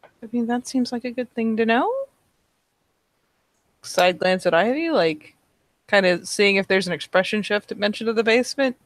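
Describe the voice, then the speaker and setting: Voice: mid-range voice, expressive, normal speed, long pauses. A player in a tabletop game, asking curious, hesitant questions.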